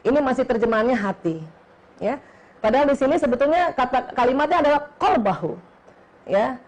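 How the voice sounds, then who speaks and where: A woman's voice: sits high, lively intonation, fairly quick. Middle-aged woman giving a patient religious lecture. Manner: explains patiently, checks in with the audience with frequent "ya". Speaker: lecturer on faith and the brain.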